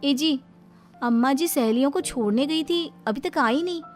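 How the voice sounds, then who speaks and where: A woman voicing a young newlywed wife in a cartoon story, speaking softly and respectfully. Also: high voice, normal speed, faint music behind, pitched above the performer's own voice, close to an everyday voice. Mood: worried. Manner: soft, respectful, worried pleading. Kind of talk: cartoon voice acting.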